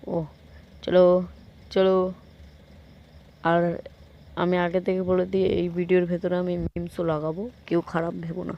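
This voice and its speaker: A man giving live gameplay commentary, excitable, urging himself on with quick repeated commands and joking about himself to viewers. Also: sits high, dull audio. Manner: self-mocking asides to viewers. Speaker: gameplay streamer.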